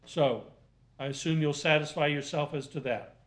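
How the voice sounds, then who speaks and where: A man speaking as a magistrate at a formal hearing, questioning and ruling in deliberate, halting, formal phrases. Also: a little high. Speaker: magistrate presiding over a hearing.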